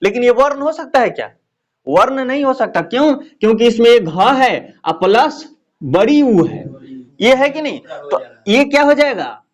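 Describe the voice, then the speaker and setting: A man teaching grammar in a classroom lecture, who explains slowly, repeats key phrases and keeps asking his students questions. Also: very high voice, sing-song.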